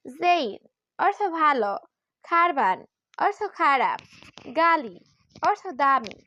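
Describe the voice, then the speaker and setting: A woman teaching one by one in a slow, measured drill, repeating each word and its meaning. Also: high voice, very animated, sharp tone, no echo, muffled recording. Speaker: Arabic language teacher. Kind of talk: slow vocabulary drill lesson.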